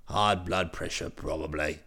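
Storybook role: deep, gruff, crude chap, overfamiliar. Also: male voice, fairly even intonation, a little slow, bright, forceful tone, full character voice. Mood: cheery crude. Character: cheery, vulgar, overfamiliar former valet.

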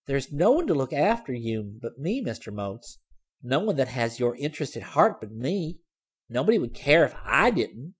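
A man acting out a middle-aged landlady, prying, wheedling, husky, lively pitch, storybook reading. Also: moderate pace. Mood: possessive. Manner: wheedling, badgering questions.

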